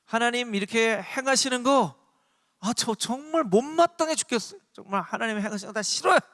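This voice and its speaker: A pastor voicing an angry, sulky prophet who protests loudly to God during a sermon. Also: male voice, very high-pitched, fairly quick, long reverb tail, voice pushed up. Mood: indignant. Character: indignant prophet complaining angrily to God.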